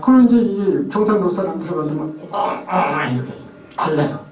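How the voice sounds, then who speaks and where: Crowd noise surrounds a man with a slightly high voice and lively intonation, speaking at normal speed. He's lecturing on place names in a chatty, informal style, often imitating regional pronunciations, recorded in an echoey room with a distant mic.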